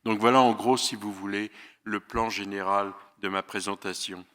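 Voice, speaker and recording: A man's voice: fairly low pitch, fairly even intonation, normal speed, fairly bright tone. An older man gives a public lecture, talking thoughtfully with many fillers and a dry sense of humor. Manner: thoughtful, hesitant with frequent fillers, wry humor. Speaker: guest lecturer. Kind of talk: public lecture, paraphrased from notes. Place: auditorium. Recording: reverberant auditorium.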